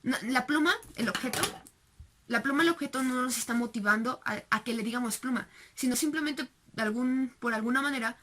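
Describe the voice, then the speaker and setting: A woman's voice: high voice, brisk, noisy background. A young woman with a Mexican Spanish accent, giving a recorded class presentation with many fillers and rhetorical question tags. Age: young adult. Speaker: student presenter.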